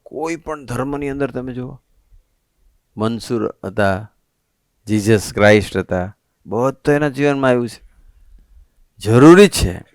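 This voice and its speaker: A monk preaching a sermon to a family assembly, telling stories in an animated, conversational way. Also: male voice, mid-range voice, measured pace, long pauses, dry recording, studio quality. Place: assembly hall at a resort.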